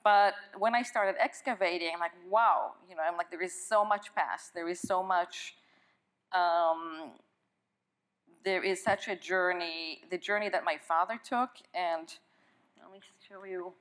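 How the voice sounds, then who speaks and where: A woman's voice: on the low side, measured pace, a bit bright. A middle-aged woman from Israel speaking as an author in an onstage conversation, reflective and often restarting her sentences. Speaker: author and guest. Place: stage of an auditorium.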